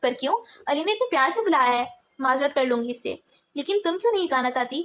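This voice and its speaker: A man's voice: very high-pitched, expressive, fast, pushed and bright, slight background noise, exaggerated voice. A woman voicing a stubborn, protective young man in an audiobook, firm and pleading by turns. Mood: stern.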